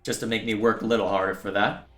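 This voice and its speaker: A man's voice: lowish voice, little pitch movement, fast, fairly bright tone, echoey room, soft background music. A man giving casual, sarcastic commentary while playing a video game. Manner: wry, sarcastic asides. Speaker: video game let's player.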